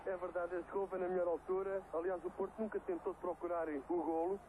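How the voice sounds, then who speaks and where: A man's voice: high-pitched, flat delivery, brisk, phone-quality sound. A man with a European Portuguese accent giving unscripted match analysis as co-commentator on a noisy old broadcast. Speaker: football co-commentator. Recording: noisy old broadcast over stadium ambience.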